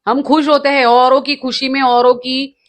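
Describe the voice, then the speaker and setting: A woman's voice: sits high, level tone, moderate pace. A woman hosting a casual roast commentary, talking in a sarcastic, mocking, ranting way. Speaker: commentary host.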